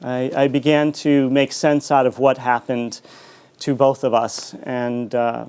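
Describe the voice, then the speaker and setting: Middle-aged man, author talk, clear smooth voice, conversational, reflective, halting anecdotal delivery. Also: medium pitch, little pitch movement, a little mellow. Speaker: author and school teacher giving a book talk.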